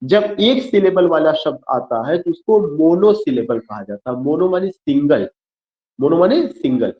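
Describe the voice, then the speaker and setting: Male teacher, fairly high voice, drills terms by repetition and spelling, answers his own questions; dull lo-fi classroom recording. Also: animated, normal speed, roomy sound. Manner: repeats key terms and spells words out letter by letter; asks questions and answers them himself. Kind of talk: classroom lecture.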